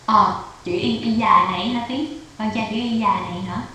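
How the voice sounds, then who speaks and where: A woman tutor with a Vietnamese accent teaches a child English on a video call, repeating words and explaining each point patiently. Her voice sits mid-pitch. The call sounds very echoey, with faint hiss behind. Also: fairly even intonation, fairly quick, pushed and bright. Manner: patient, repeats and explains step by step, code-switches with English drills. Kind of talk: online English lesson for a child. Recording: echoey room, faint noise.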